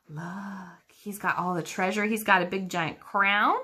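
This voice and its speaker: A woman's voice: mid-range voice, takes it slowly, pushed and bright, husky. A woman teacher reading a children's book aloud, engaging her young listeners with questions about the pictures.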